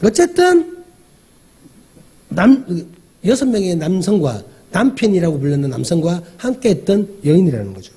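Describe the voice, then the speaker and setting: A man's voice: high voice, sing-song, moderate pace, mellow, breathy edge. A male pastor giving a conversational sermon, often asking the congregation questions and acting out the dialogue he describes. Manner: acts out quoted dialogue.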